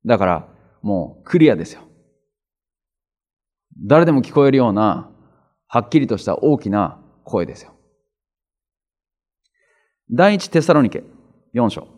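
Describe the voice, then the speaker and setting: A man's voice: medium pitch, big pitch swings, a little mellow. A man giving a conversational Bible teaching as a pastor, explaining with everyday examples and reading scripture passages aloud. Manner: reads scripture aloud slowly, repeating references.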